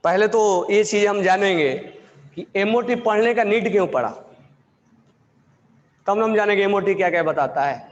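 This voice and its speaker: A high-voiced man teaches chemistry, dictating slowly and repeating each phrase. He checks on his students with quick questions as he goes. His voice rings with a long reverb in the classroom. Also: muffled recording. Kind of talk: classroom lecture dictating notes.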